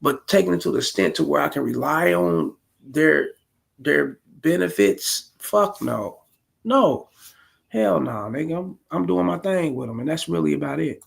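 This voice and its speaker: Gravelly, blunt man in his forties. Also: fairly high pitch, normal speed. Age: 40s. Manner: blunt, profane, rambling street talk. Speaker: streamer reacting to a video. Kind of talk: casual streamed commentary.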